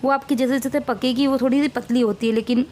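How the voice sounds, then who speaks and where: A woman in her thirties talks through her morning chores and cooking as a family vlogger. Her slightly high voice has a mellow, warm tone. She chats in a rambling, homely way. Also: fairly even intonation, fast talker. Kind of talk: casual vlog narration.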